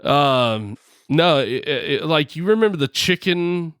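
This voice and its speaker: A man's voice: a little high, animated, takes it slowly, fairly bright tone, clean tone, no room sound. Male podcast co-host, chatty rambling storyteller, dry close mic. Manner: rambling, self-correcting storyteller. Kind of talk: casual chat. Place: home, separate from co-host.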